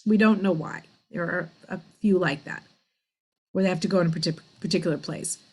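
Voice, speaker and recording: A woman teaching cantillation in a class, explaining slowly and chanting the syllables in a drawn-out sung voice. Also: on the low side, steady tone, darkish tone, husky, rough recording. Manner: wry and self-deprecating with small laughs. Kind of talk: online class teaching Torah trope.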